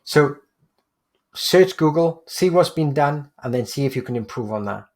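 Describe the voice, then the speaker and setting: A man's voice: on the high side, expressive, moderate pace, darkish tone. A man presenting a screen-share tutorial on digital PR, walking through examples on screen in an explanatory way. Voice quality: gravelly, husky.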